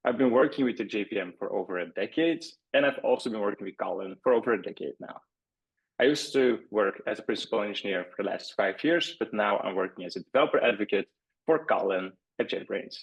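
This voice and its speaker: A man from Belgium hosting a webinar as a developer advocate, speaking in a measured, welcoming way. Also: lowish voice, creaky, breathy edge, muffled recording. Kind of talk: webinar introduction.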